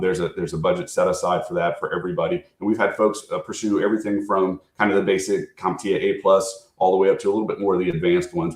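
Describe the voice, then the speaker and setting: Deep-voiced American recruiter, a man, echoey sound. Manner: conversational, frequently checking in with "right?". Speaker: recruiter and fellowship program manager. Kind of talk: recruiter pitch presentation, informal.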